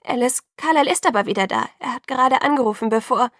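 A woman's voice: on the high side, fairly even intonation, brisk, gravelly, dry recording, clean studio sound, voice pushed up. A woman reading an audiobook, voicing an anxious young heroine who speaks hesitantly and breathily.

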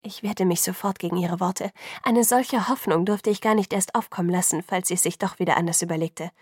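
A woman narrating a novel in the first person, calm and measured, on a close studio mic. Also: fairly low pitch, slightly rough, no room sound. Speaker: audiobook narrator.

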